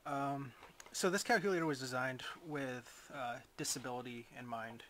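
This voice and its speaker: A man giving a casual, unscripted product review as a reviewer, in a hesitant, rambling way with frequent pauses. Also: medium pitch, fairly bright tone, a little hiss or hum. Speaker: reviewer of gadgets.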